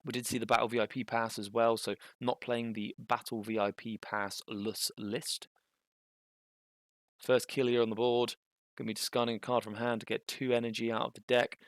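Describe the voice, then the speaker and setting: A young man giving casual, thinking-aloud commentary on a card game match, with bursts of excitement. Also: medium pitch, vocal fry, no room sound, clean studio sound.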